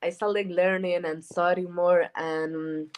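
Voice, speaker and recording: A woman, talking casually as a guest in an interview. Her voice sits fairly low. She speaks haltingly, repeating words and reaching for fillers as she goes. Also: level tone, smooth. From Costa Rica. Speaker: guest, cannabis events organizer.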